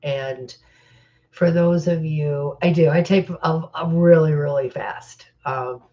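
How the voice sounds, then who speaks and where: A woman's voice: sits low, fairly even intonation, takes it slowly, muffled recording. Stuffy-voiced middle-aged woman, hesitant. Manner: hesitant, many fillers, reads comments aloud. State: stuffy from crying. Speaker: live Q&A host. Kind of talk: casual live-stream Q&A.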